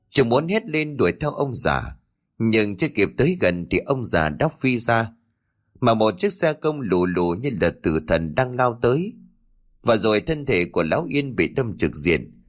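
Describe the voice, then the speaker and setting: A male storyteller narrating a ghost story in a low voice. His delivery is dramatic and expressive, rising and falling through a lively range.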